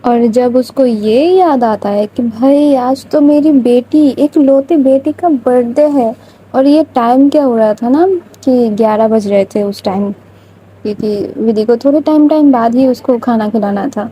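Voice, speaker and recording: A woman's voice: on the high side, mellow, slightly rough, poor audio. A woman telling a love story in a casual, chatty, rambling way.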